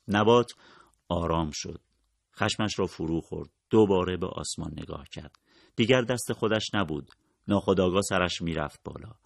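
A man narrating a novel in a calm, measured way, his voice sitting very low with a gravelly edge. The sound is dry and close, with no room around it. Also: no echo. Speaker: audiobook narrator. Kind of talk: scripted literary narration.

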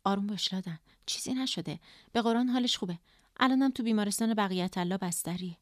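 A woman reading Farah, an anxious woman pleading to calm her sister, in a storybook. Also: medium pitch, dry recording, clean studio sound, natural voice. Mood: soothing. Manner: urgent, pleading reassurance.

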